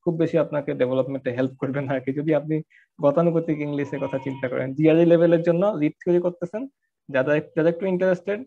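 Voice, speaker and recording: A man's voice: a little high, steady tone, fast talker, vocal fry, muffled recording. A man teaching an online class, talking conversationally with many fillers and English words mixed in. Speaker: course instructor. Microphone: online class audio.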